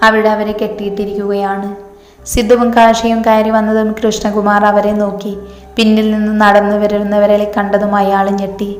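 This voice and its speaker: A woman narrating a dramatic story in a steady, even reading voice. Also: mid-range voice, normal speed. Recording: echoey room with long reverb.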